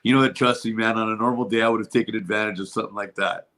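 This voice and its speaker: A man's voice: on the low side, racing. A man co-hosting a casual podcast chat, telling stories with lots of laughter and casual swearing. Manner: laughs often, swears casually, animated storyteller. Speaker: podcast co-host.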